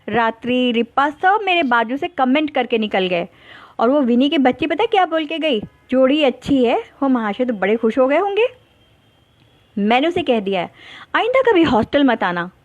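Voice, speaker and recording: A woman voicing a fiery, hot-tempered young woman student, ranting in quick scolding bursts. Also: high voice. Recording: dull lo-fi dry recording.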